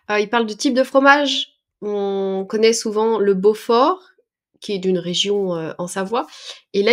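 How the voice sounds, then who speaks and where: A woman with a fairly high voice gives a French lesson. She takes her time, explaining each expression patiently and pausing on small fillers. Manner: patient, breaks words down slowly with fillers. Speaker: French teacher.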